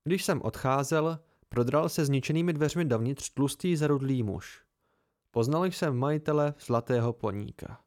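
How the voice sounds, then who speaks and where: A man's voice: mid-range voice, darkish tone. A man reading a novel aloud in the first person, as an amateur audiobook narrator.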